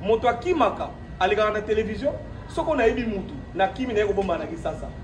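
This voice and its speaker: Animated and fast-talking, a high-voiced Congolese man from the DRC gives a defiant, emphatic press statement at his own premises, partly improvised and in both French and Lingala. He repeats points and fires off rhetorical questions. The echoey room comes through on a distant microphone, with a noisy background.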